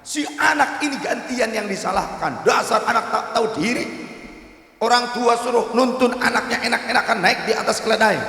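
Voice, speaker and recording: Jeering village mob, shrill and loud, put on by a male preacher, echoey hall. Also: moderate pace, full character voice. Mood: mocking. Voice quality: shrill and shouting.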